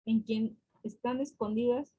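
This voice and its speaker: A woman reading a scripture verse aloud in a steady way during a devotional. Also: fairly high pitch, measured pace, slightly rough, poor audio.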